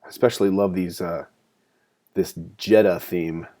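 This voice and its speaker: A man's voice: low-pitched, steady tone, unhurried, dark tone. A man talking casually and enthusiastically as he comments on a film while watching it, with frequent fillers. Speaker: movie commentary host.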